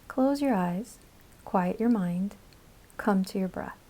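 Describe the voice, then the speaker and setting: Guiding listeners through yoga nidra, a woman speaks in a mid-range voice. The meditation narration is calm and instructional, with soothing, measured phrasing and pauses.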